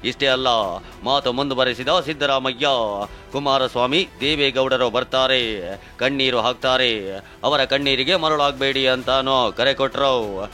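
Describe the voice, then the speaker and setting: Male news narrator, bright, forceful, punchy, Kannada accent, light music bed. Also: medium pitch, fairly even intonation, normal speed. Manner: dramatic, punchy delivery. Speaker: news reporter. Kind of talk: scripted news voice-over.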